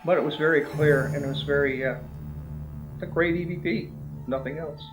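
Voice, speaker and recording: A male investigator giving measured, tentative interview commentary. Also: a little high, steady tone, rough recording. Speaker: paranormal investigator. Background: music.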